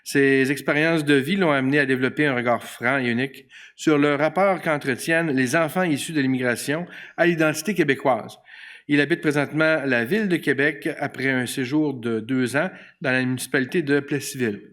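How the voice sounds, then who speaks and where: A man's voice: mid-range voice, fairly quick, fairly bright tone. A man, hosting an event and reading panelist introductions with occasional fillers. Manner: reads bios steadily with fillers.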